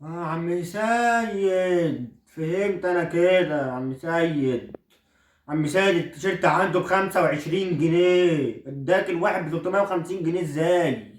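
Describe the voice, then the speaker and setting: A man's voice: on the high side, normal speed, natural voice. A man with an Egyptian accent playing an indignant teenage son in a comedy sketch, scornfully refusing the clothes he was given. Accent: Egyptian Arabic. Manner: outraged, scornful protests. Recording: roomy echo, voice far from the mic.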